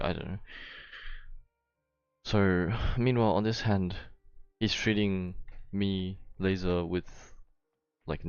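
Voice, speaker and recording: A young man who games and vlogs explains to camera, casually, a dispute he had with friends, rambling in slang with some swearing and frequent check-in tags. His voice sits low and gravelly, and the dull audio has no room sound.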